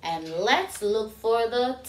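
A woman in her thirties leads children's story time, reading aloud in an animated, questioning manner and drawing out key words for her young audience. Her pitch is fairly high and her pace slow, and the room gives an echoey indoor sound.

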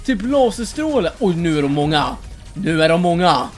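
Gamer, headset, loud and cocky, big swings in pitch, game music running behind. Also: sing-song. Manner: shouty, boastful, trash-talking. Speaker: let's play gamer. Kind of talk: excited gameplay commentary.

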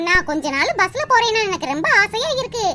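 A woman's voice: very high voice, very animated, fast, soft background music, heavily acted. A woman voicing a generous young girl in a cartoon, giggly and pleading. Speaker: cartoon voice actor. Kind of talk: Tamil cartoon dubbing. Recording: loud background hiss.

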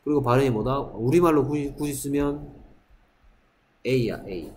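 A man's voice: mid-range voice, measured pace, a little mellow. A middle-aged man teaching English vocabulary to a middle school class, repeating each word and asking rhetorical questions. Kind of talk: classroom lecture. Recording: echoey classroom with faint ambience.

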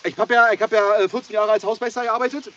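A man's voice: high-pitched, fairly even intonation, fast talker, a bit bright, far from the mic. A man hosting an outdoor challenge in casual, exclamatory chat. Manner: exclamatory, reactive. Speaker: challenge host. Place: outdoors by a log cabin in woodland. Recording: muffled, noisy outdoor recording.

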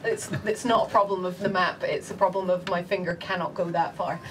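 A woman's voice: lowish voice, fairly even intonation, a little fast, far from the mic, noisy background. A woman chatting casually as a player at a tabletop game.

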